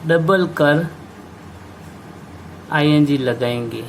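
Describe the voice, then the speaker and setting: A man teaching an English grammar lesson, slowly explaining rules and spelling out words letter by letter. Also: fairly high pitch, creaky, slight background noise.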